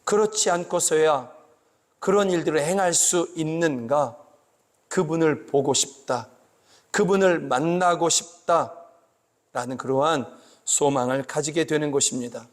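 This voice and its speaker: A pastor giving a slow, emphatic sermon that rises into loud cries. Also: male voice, a little high. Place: church sanctuary. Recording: long church reverb.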